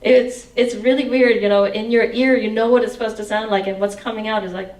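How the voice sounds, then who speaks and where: A woman in her 40s with a voice on the high side reads briskly and expressively from her memoir using a headset mic, breaking into bits of song, and later answers audience questions. The setting is an indoor meeting room, and the low-quality recording is reverberant, with a distant mic.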